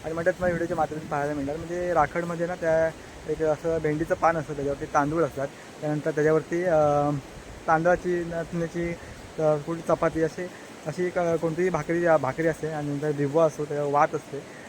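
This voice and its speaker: A man's voice: fairly high pitch, flat delivery, quick pace, a little hiss or hum, poor audio. A man from the Konkan coast talking casually to his channel's viewers with hesitant fillers, filming on a phone at his village home. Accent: Konkan Marathi. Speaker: village vlogger. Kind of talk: casual vlog narration. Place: village home and outdoors in rain.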